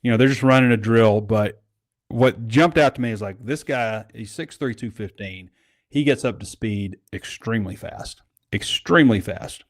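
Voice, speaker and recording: A man's voice: fairly low pitch, normal speed. A man hosting a casual sports podcast, talking in a rambling, conversational way. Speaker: podcast host.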